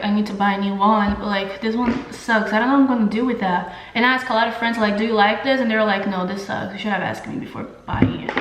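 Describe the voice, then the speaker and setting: Here a young woman from São Paulo, a beauty vlogger whose first language is Portuguese, speaks with a Brazilian accent in a casual, candid, slangy chat to camera while applying makeup. Her voice is mid-range and a touch bright. The audio is poor, with an echoey room.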